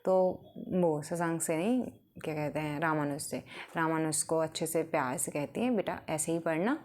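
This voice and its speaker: A woman's voice: deep voice, fairly even intonation, moderate pace, a little mellow. A woman telling a story in a casual, unscripted way, with fillers. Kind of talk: storytelling narration.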